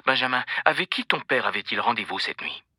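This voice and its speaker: A man reading an audiobook, voicing a rich older mother who speaks calmly and coldly while recounting a shooting. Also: mid-range voice, a little fast, breathy edge, no room sound, studio quality, voice pushed up, heavily acted. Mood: cold, anxious. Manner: calm, cold, disjointed. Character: cold, rattled older mother on the phone. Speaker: narrator voicing a character.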